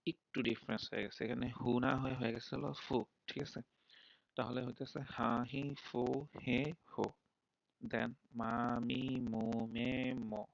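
A man with a medium-pitched, gravelly voice teaches a beginner class on a live online stream, explaining step by step, patiently checking in with learners and mixing English words into his speech. The recording is dry, dull and lo-fi.

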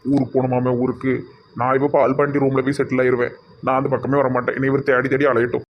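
A man's voice: medium pitch, monotone, fast talker, muffled recording, slight background noise, close to an everyday voice. A man voicing a scolded young man in a cartoon, muttering sulky, scheming asides with a Tirunelveli Tamil accent.

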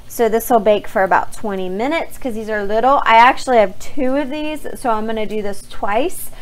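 A young woman with a fairly high voice chats casually to camera as she cooks and preps meals in her home kitchen, upbeat and talkative with her hands busy. She's a vlogger sharing meal prep, recorded at low quality on a phone camera propped on a counter.

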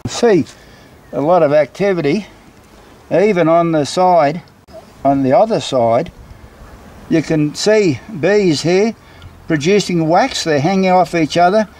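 This beekeeper's voice sits fairly high with a darkish tone, and he talks a little slowly, pausing often. He is outdoors beside a hive and a brick house, filming and casually explaining his inspection like a vlog. Bees buzz clearly behind him.

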